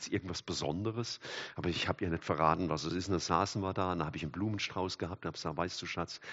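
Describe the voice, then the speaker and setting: An older man preaching a sermon, animated, swinging from loud exclamations to hushed asides and chatting with the congregation. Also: sits low. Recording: dull hall recording with long reverb.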